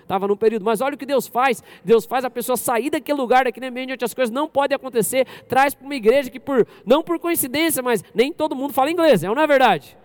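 A man from Brazil preaching a lively sermon to his congregation as pastor, often questioning the crowd directly. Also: sits high. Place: church service.

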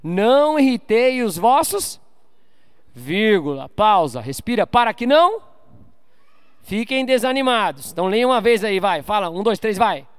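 Preaching a laid-back sermon at a church service, a pastor jokes with those gathered and calls for amens. His voice sits high and is clear and resonant, with big pitch swings at a measured pace. There's no echo.

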